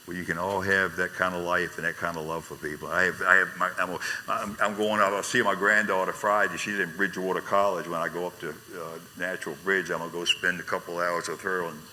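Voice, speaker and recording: An older man giving an emotional personal testimony, earnest, swinging from intense outbursts to soft quiet moments. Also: deep voice, little pitch movement, brisk, few pauses, long reverb tail, a little hiss or hum, low-quality recording. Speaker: speaker sharing his recovery story.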